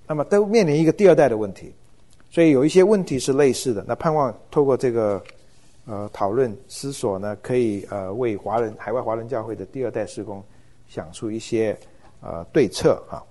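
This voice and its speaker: A middle-aged church ministry lecturer gives a relaxed, unhurried informal lecture. His medium-pitched voice is mellow and warm, and he often pauses with hesitant fillers while thinking aloud.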